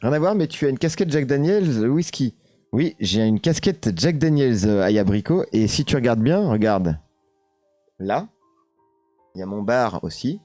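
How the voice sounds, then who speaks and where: A man's voice: mid-range voice, big pitch swings, normal speed, dark tone, no echo, faint music behind. A man with a French accent hosting a casual live stream, hesitant with many fillers, reading chat comments aloud and answering them.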